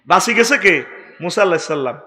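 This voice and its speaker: A middle-aged man preaching a waz sermon, storytelling comically with sudden shouts. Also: high voice, animated, fairly quick.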